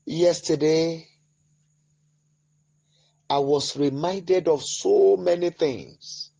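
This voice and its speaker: A middle-aged Nigerian man with a husky voice, a prophet leading a fervent prayer session with shouted, drawn-out declarations. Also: fairly high pitch. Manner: impassioned, shouted declarations with long drawn-out words.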